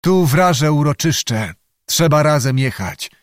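A rough, scornful old witch from a storybook, put on by a male narrator, scheming in a harsh, raised voice. Her words come hard and mocking, set against a dry, close sound. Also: a little high, expressive, takes it slowly, no room sound. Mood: wary. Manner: harsh, mocking, laughs like a neighing mare. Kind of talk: audiobook character voice.

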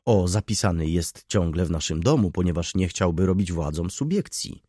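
A man's voice: low voice, expressive, normal speed, warm tone, husky, no echo, clean studio sound. A man doing a smug, mock-polite student. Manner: sugary, mock-courteous. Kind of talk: audiobook reading.

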